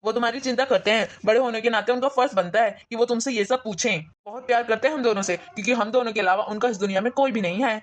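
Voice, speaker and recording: A woman's voice: on the high side, quick pace, hardly any pauses, lightly acted. A woman voicing a patient young husband in a cartoon story, reasoning and pleading.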